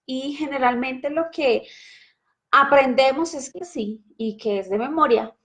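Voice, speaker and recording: A woman teaches French pronunciation to the viewer. She talks in a lively, direct, conversational way, often checking that the listener is following. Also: high-pitched, measured pace. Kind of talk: casual teaching monologue.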